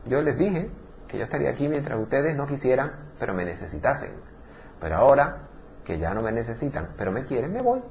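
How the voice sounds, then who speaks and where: A man doing a brisk departing nanny. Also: medium pitch, big pitch swings, vocal fry, highs cut off, slight background noise. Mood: curt. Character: departing nanny, a woman, brisk and matter-of-fact.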